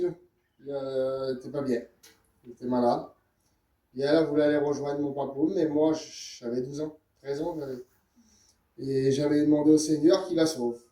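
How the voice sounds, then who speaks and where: A man giving a spoken church testimony in a plain, halting way. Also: on the high side, dark tone. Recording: echoey room, far from the mic.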